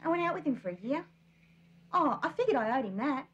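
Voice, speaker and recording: An actress playing a sharp-tongued, sarcastic young woman with an Australian accent, talking in a dry monologue. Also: high-pitched, sing-song, a little fast, lo-fi sound. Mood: sardonic.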